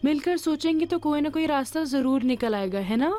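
A woman's voice: high-pitched, mellow, faint music behind, lightly acted. An actress playing a caring young woman in a dubbed TV drama, speaking in a soothing, reassuring way.

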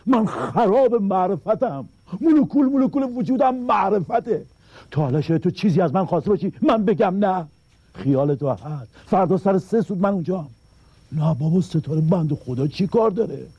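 A lively, husky good-natured husband. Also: male voice, high-pitched, no room sound, heavily acted. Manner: boastful, exclaiming, teasing. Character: good-hearted middle-aged husband who never refuses favors. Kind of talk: comedy drama acting.

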